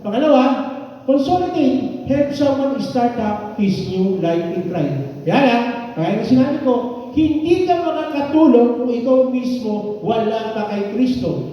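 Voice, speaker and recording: A man from the Philippines preaching a sermon to a congregation, asking rhetorical questions and repeating key lines for emphasis. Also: very high voice. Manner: asks rhetorical questions with tag "no?". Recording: distant, echoey hall, dull sound.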